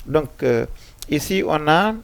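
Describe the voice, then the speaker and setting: A man with a West African French accent walks learners through English sounds at a slow, deliberate pace. His voice is gravelly and he stops often with fillers. He repeats each example word several times, and the recording is dry and close. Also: fairly high pitch, animated, no echo. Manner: frequent hesitation fillers. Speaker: teacher. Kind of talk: French-language pronunciation lesson on English sounds.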